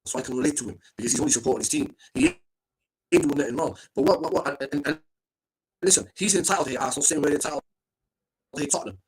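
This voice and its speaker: A man's voice: a little high, breathy edge. A man, a football fan guest, arguing in heated banter over a remote call whose connection crackles and cuts out, repeating himself as he pushes his point. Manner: fast, animated, repeats himself. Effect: crackly, cutting-out call connection. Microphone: remote call with headset.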